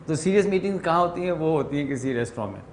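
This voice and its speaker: A man's voice: fairly high pitch, animated, a little hiss or hum. A middle-aged man leading a training workshop, chatting informally, mixing in English phrases and telling self-deprecating stories to a room. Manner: acts out dialogue in stories. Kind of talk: informal workshop lecture with anecdotes.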